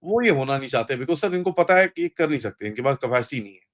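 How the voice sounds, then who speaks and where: A man with an Indian accent giving an animated political analysis, mixing in English phrases and acting out quoted speech. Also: mid-range voice, fast talker. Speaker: guest analyst. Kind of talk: casual political discussion.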